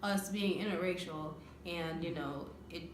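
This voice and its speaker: Earnest woman from the Caribbean, fairly low voice. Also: unhurried, reverberant, slight background noise. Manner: earnest, hesitant, many fillers. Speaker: vlogger, co-host of a couple's channel. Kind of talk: casual chat.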